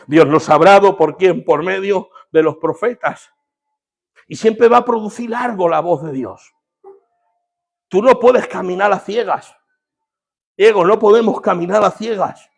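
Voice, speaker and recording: A man's voice: on the high side, creaky. A man preaching a fervent sermon as pastor, drawing call-and-response from the congregation.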